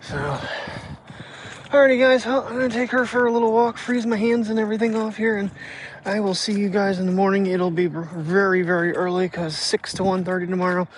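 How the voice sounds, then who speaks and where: A man's voice: sits high, level tone, fairly quick, slight background noise, low-quality recording. A man chatting casually in a daily vlog, rambling and thinking aloud as he talks about gear and the cold weather. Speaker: daily vlogger. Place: outdoors at night, walking a dog. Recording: direct phone mic audio.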